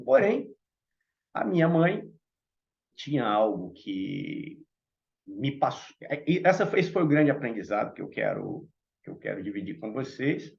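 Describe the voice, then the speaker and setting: A man's voice: on the high side, creaky, highs cut off. A man from Salvador with a Bahian Brazilian accent, giving a reflective talk as a panel speaker and addressing the audience directly with many asides. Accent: Bahian Brazilian Portuguese. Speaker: panel speaker at a Theosophical meeting.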